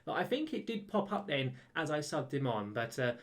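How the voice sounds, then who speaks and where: A man giving casual, chatty commentary over a football management game, getting excited when goals go in. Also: fairly high pitch, moderate pace. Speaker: gaming YouTuber. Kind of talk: let's-play commentary.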